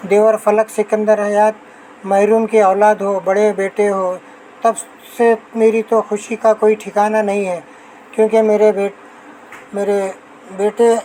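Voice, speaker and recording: A woman reading an audiobook novel, voicing a talkative, excitable middle-aged wife and mother who chatters without pause. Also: mid-range voice, slight background noise, lightly acted, low-quality recording. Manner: gushing nonstop chatter.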